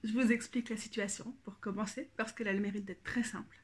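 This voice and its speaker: A woman's voice: mid-range voice, fairly even intonation, fast. A French-speaking woman with a bad cold, chatting casually in a tarot deck review, hesitant with many fillers.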